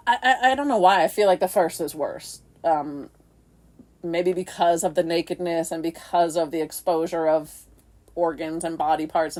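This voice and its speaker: A woman co-hosting a podcast, telling a candid personal story in a soft, halting, reflective way with frequent restarts. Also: fairly low pitch. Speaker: podcast co-host.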